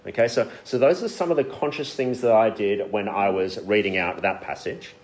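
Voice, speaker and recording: Casting: man, workshop leader, relaxed and informal, lots of uh's, low voice. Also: normal speed. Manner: casual, with frequent uh fillers and kind of. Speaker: workshop leader teaching Bible reading. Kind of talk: informal teaching to a group. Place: meeting room with an audience, also streamed online.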